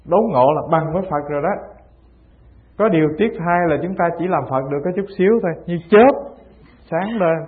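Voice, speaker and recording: Monk giving a Zen talk. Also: male voice, fairly high pitch, quick pace. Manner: storytelling, acting out the old masters' dialogues. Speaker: Buddhist monk teacher. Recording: tinny phone-like sound.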